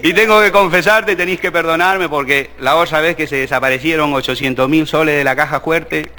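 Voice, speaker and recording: A man's voice: fairly high pitch, a little fast, sharp tone, pitched below the performer's own voice. A man voicing a dying Chilean man who slyly confesses to his business partner in crude slang, with a Chilean accent. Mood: sly confession. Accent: Chilean Spanish. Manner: sly, crude slang, guilty chuckles.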